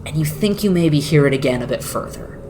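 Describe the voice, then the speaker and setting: A game master narrating a tabletop game, describing a scene in slow, searching phrases with filler words. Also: mid-range voice, animated, dark tone, slight background noise.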